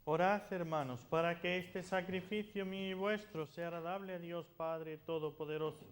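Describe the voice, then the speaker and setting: Male priest, notably high voice, delivering formal Mass prayers. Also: fairly even intonation, moderate pace. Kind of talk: liturgical prayer recitation.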